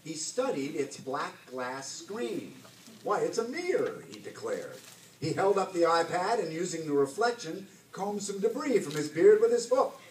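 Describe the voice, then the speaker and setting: A man, an author, reading his story aloud to a bookstore audience with animated, dramatic narration. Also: fairly high pitch, moderate pace. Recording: roomy, distant mic, faint hiss.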